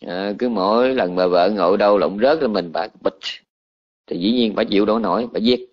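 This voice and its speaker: A man, a Buddhist monk, telling a story in a colloquial, animated sermon. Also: on the low side, brisk, lo-fi sound.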